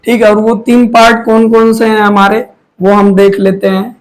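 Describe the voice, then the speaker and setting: A man's voice: high voice, completely flat delivery, normal speed, low-quality recording. A man teaching, who asks questions and answers them himself, often repeating key words. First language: Hindi. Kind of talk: classroom lecture.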